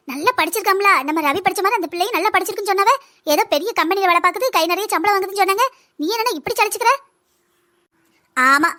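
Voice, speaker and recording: A woman voicing quick, scolding village women in a cartoon. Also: extremely high pitch, bright, forceful tone. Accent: southern Tamil. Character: village women bickering over a son's second marriage. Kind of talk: cartoon dialogue.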